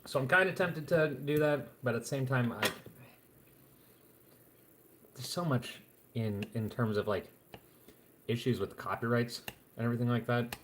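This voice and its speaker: A man's voice: mid-range voice, moderate pace, pauses often, a bit bright, slight background noise. A man chatting casually to viewers on a live stream at home, rambling along with plenty of fillers and restarts.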